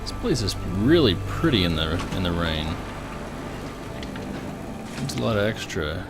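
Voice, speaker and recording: A man with a lowish voice commentates casually on a game. He muses to himself as he goes, with music clearly behind him. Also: big pitch swings, a little slow. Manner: musing to himself. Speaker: let's play host.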